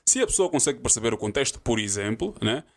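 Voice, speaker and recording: A man's voice: mid-range voice, sing-song, quick pace. A man hosting a podcast, asking probing questions with many fillers. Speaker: podcast host. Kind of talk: podcast interview.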